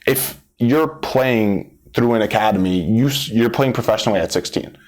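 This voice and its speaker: A man born in Brazil, working as a soccer scout, answers interview questions in a measured way, with frequent "um" hesitations. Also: mid-range voice. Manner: measured, hedging with frequent ums. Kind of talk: interview guest.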